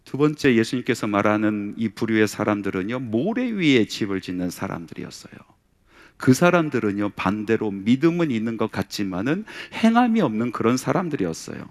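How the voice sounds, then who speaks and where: Middle-aged pastor preaching with animated emphasis. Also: male voice, fairly quick. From South Korea, Chungcheong region. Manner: storytelling, rising loud and high for emphasis. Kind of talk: Sunday sermon.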